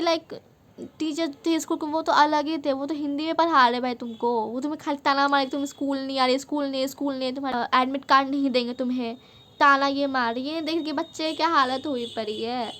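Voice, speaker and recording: A woman's voice: high voice, fairly even intonation, a little fast, fairly bright tone. A young woman vlogger from Bihar, India, telling a casual storytime monologue in a frank, emphatic way, with English words mixed in. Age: young adult.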